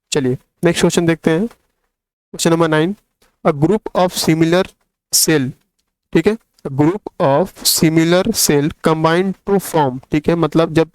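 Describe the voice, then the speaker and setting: A male teacher with a slightly high, clean, resonant voice talks through multiple-choice questions for students. He is recorded close up in a dry small room. He reads the English questions slowly and keeps saying "theek hai" to check that the class is following. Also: a little mellow, clear, resonant tone, no echo, poor audio. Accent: Hindi. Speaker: science teacher. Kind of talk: explaining quiz questions in a class video.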